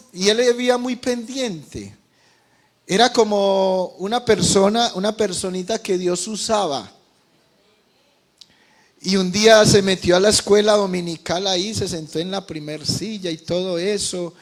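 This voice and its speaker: A Colombian man preaching as a pastor, telling a testimony with passion, moving between quiet and loud. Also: sits high, steady tone, unhurried. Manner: impassioned, swings from quiet to loud. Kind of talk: sermon testimony.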